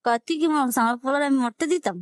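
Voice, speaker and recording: This is a high-sitting female voice delivered very fast, studio quality with no echo. Her accent is colloquial Dhaka-area Bangladeshi Bengali, and she emotionally recounts her life story, acting out conversations in dialect along the way.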